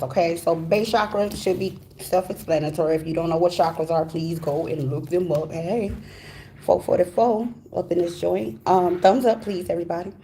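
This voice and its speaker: A woman with a low, mellow voice speaks with the slight impediment of wearing braces. She hosts a tarot reading informally, addressing viewers directly in a folksy, chatty way. There is faint noise in the recording. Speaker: tarot reader, host of a live reading.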